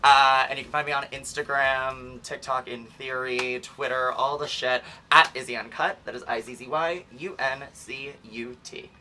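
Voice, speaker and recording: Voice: mid-range voice, steady tone, normal speed, few pauses, a little hiss or hum. A sassy, campy drag queen chatting casually and reacting with amazement as a guest. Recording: distant mic under loud music.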